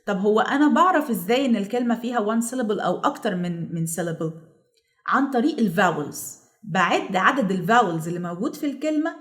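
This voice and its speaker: Egyptian woman, English teacher, lively up-and-down pitch, slow drawn-out examples. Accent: Egyptian Arabic. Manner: keeps checking in with "okay?". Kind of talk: classroom lesson.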